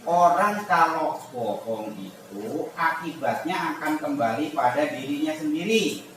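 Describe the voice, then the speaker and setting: A man with a fairly high, expressive voice speaks a little slowly as he teaches a religious lesson to a class. He reads lines of Arabic, explains them in casual speech, and acts out short scenes using quoted voices. The recording is noisy, made in an echoey room with the mic far away.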